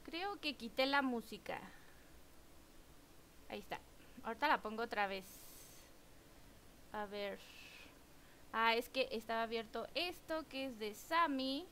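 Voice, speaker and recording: A young Mexican woman chatting excitedly with her viewers while streaming a game, exclaiming and bubbly. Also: a little high, a little slow, long pauses, slight background noise. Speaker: gaming streamer. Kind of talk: live-stream chat while gaming.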